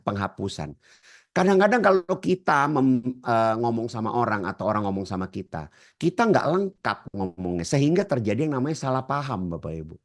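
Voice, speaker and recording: A man teaching a hypnotherapy class, often addressing his listeners directly and asking rhetorical questions he then answers himself. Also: fairly low pitch. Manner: addresses the audience often as ladies and gentlemen. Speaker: hypnotherapy trainer. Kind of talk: lecture to a class.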